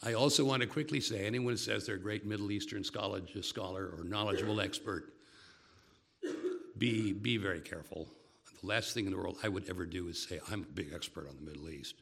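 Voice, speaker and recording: An older man giving a lecture. He speaks in a measured way and breaks off into stories and asides. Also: lowish voice, fairly even intonation, gravelly, fairly bright tone.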